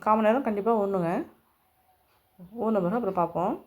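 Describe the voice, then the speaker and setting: Woman, quick talker, mid pitch, home cooking demo, friendly step-by-step explaining. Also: a little mellow. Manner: homely step-by-step instructions, speaking to viewers directly. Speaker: cooking channel host.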